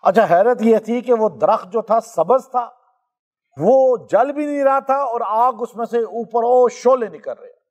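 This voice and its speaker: A male preacher from Pakistan gives a sermon. He tells a story, asks his listeners questions and slows down to recite scripture. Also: very high voice, darkish tone.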